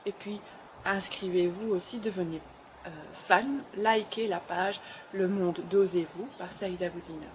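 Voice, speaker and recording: A woman's voice: fairly low pitch, fairly even intonation, measured pace, a little hiss or hum. A woman hosting her web show, speaking to camera in an encouraging, emphatic way and often repeating phrases. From Belgium. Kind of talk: motivational address to camera.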